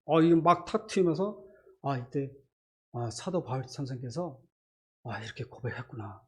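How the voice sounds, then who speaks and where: A middle-aged man, a church deacon, gives an earnest, halting personal faith testimony during a church service, with many fillers. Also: medium pitch, animated, darkish tone, breathy edge. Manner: earnest, halting, many fillers, acts out his inner voices.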